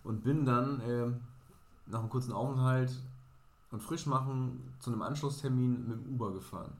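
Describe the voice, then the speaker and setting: A man co-hosting a podcast tells a casual anecdote with animation and acts out the people in his story. His voice sits at an ordinary middle pitch, and a roomy echo hangs around it. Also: moderate pace, a little mellow. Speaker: podcast co-host.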